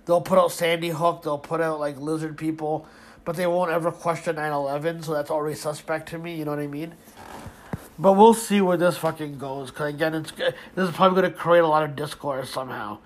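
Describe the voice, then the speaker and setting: A man's voice: on the high side, fairly even intonation, fairly quick, rough recording. A young man ranting casually about wrestling fans and gossip, profane and rambling, full of restarts, fillers and sarcastic jabs. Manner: heated, sarcastic. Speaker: online commentator.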